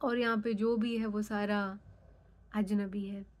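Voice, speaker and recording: A woman's voice: medium pitch, little pitch movement, takes it slowly. Young woman from pakistan, sindhi accent, frank casual chat, slips into english now and then. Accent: Sindhi-accented Urdu. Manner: chatty, frank, mixes in English phrases. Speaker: vlogger.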